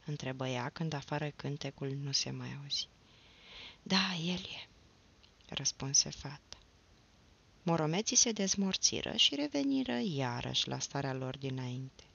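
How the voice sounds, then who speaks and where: A woman reading a novel aloud as an audiobook, in a measured storytelling manner. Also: rumbling low, animated, gravelly, fairly bright tone, lo-fi sound. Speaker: audiobook reader.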